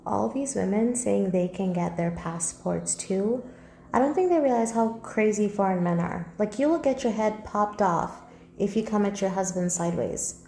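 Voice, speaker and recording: Blunt woman with a mellow voice. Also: medium pitch, animated, moderate pace, vocal fry, reverberant. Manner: blunt, dismissive. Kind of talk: casual opinion video.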